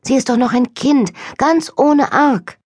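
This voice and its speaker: A woman voicing a gentle but passionate young lady who speaks softly. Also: sits high, unhurried, no room sound, studio quality, pitched above the performer's own voice. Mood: gentle, soothing. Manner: soft yet passionate.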